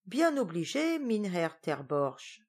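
A woman's voice: on the low side, big pitch swings, slow pace, heavily acted. A woman doing a kindly old aunt. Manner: warm and mischievous.

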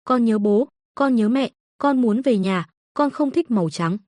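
A woman voicing a small, sick, obedient boy in a soft, childlike, pleading voice. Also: a little high, expressive, a little slow, no echo, studio quality. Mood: weary pleading.

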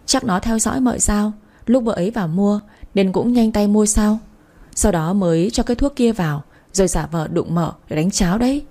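A woman's voice: mid-range voice, normal speed, close to an everyday voice. Woman voicing a blunt, fiery servant girl. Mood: insistent. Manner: loud, accusing.

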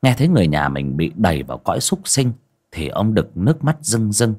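Male storyteller, deep and lively, dramatic horror reading. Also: a little fast, slightly rough.

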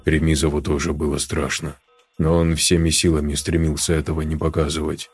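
A man narrating a story aloud in a steady, measured reading. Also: a bass voice, breathy edge, soft background music. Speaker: audiobook narrator. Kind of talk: scripted narration.

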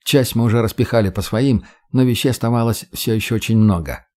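Brief: male narrator, steady matter-of-fact audiobook reading at a mid pitch. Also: brisk. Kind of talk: first-person fiction narration.

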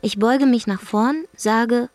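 A woman's voice: on the high side, slow, a little mellow, soft background music. An actress narrating a radio drama monologue as a brash, defiant young woman from Zeeland, with a dry, wry storytelling manner. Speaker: first-person narrator.

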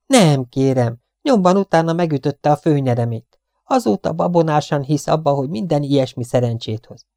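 Man doing a shrill chattering cleaning woman. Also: animated, gravelly, mellow, no echo, studio quality. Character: fussy superstitious stout female cleaning woman.

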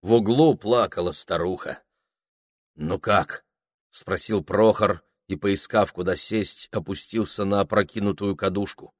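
A man reading a literary novel aloud in a measured, dramatic manner. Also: lowish voice, fairly even intonation, dry recording, clean studio sound. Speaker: audiobook reader. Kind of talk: scripted literary narration.

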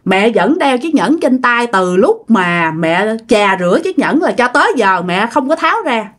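A woman's voice: on the high side, very animated, measured pace, fairly bright tone. Chatty Mekong Delta woman telling ghost stories. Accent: Southern Vietnamese (Mekong Delta). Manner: chatty, addresses listeners directly. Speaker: storyteller. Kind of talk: casual ghost story narration.

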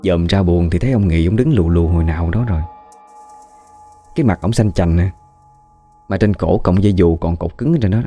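Deep-voiced Southern Vietnamese man telling a ghost story. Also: a little fast, long pauses, warm tone, soft background music. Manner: chatty, gossipy retelling.

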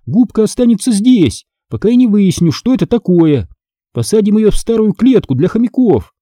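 A stubborn, sharp-tongued young girl, as a male reader puts her on, raised high above his own voice and swooping widely as she scolds. The voice stays dark and husky underneath. The read is dry and close to the mic. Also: sing-song, normal speed, no echo. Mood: firm. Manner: firm and scolding. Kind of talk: audiobook character reading.

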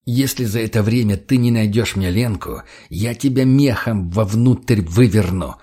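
A man's voice: lowish voice, unhurried, warm tone. A man voicing a menacing, foul-mouthed male mage who snarls and hisses his threats. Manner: snarling, hissing threats, swearing.

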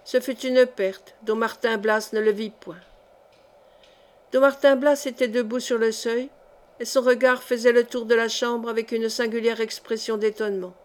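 A woman reading a historical novel aloud as an audiobook narrator, with even, clear storytelling. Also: on the high side, moderate pace. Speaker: audiobook reader.

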